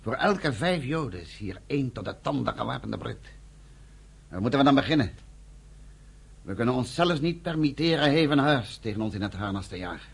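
A man's husky, gravelly voice, mid-range and expressive, voices a tired and solemn underground army commander for a radio drama. He speaks briskly, and the mood is grim.

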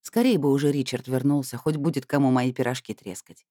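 Woman reading a wry story aloud, mellow voice, dry recording. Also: extremely low pitch, brisk, no echo. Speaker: audiobook narrator. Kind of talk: first-person novel narration.

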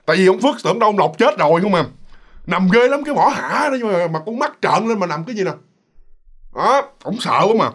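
A man's voice: high voice, sing-song, fast, breathy edge. A man telling a ghost story in a chatty, casual way, speaking straight to his listeners. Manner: chatty, addresses listeners directly, many fillers.

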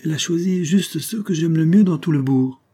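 A man reading aloud, voicing a girl of nearly twelve who speaks calmly, seriously and with odd formality, in a dark, husky voice. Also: fairly high pitch, normal speed, voice pushed up. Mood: grave. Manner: calm, serious, oddly formal for a child.

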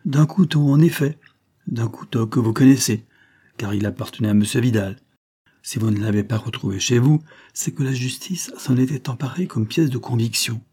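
A man voicing a tense, brusque police agent who speaks hard and urgent, raising his pitch above his narrating voice. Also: moderate pace, warm tone, slightly rough, natural voice. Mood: brusque, intense.

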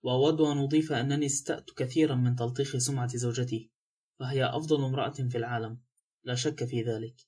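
A stiff, indignant old general rejects an accusation, as a man reading an audiobook voices him. He talks at a brisk clip, with the bearing of an officer. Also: mid-range voice, fairly even intonation, a little mellow, breathy edge, natural voice. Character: elderly military general, proud and shaken.

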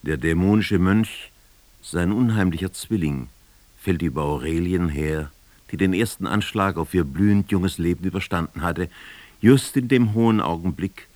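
Deep measured male narrator for a literary radio feature, dry close sound. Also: darkish tone, dry recording. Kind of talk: scripted narration.

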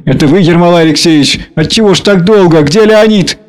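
A man's voice: high voice, a little fast, voice pushed up, lightly acted. A man reading aloud, voicing an anxious, impatient noblewoman near tears. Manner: impatient, pleading. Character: anxious tearful noblewoman landowner.

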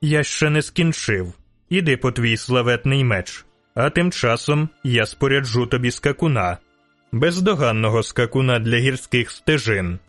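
A man voicing a calm, cryptic ancient elf sage. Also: mid-range voice, soft background music. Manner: measured, cryptic, instructive. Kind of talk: audiobook character reading.

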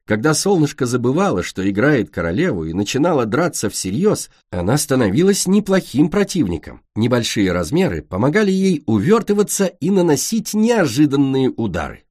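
Expressive male storybook narrator. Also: mid-range voice, moderate pace, hardly any pauses, no echo. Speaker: audiobook narrator. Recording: dry close recording.

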